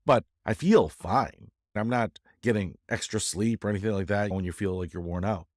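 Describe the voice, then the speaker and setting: Congested guy with a head cold rambling to his viewers, low voice, dry sound, jokes at his own expense. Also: normal speed, a little mellow, dry recording. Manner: self-deprecating, joking. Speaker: YouTuber giving a channel update. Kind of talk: casual rambling chat to viewers.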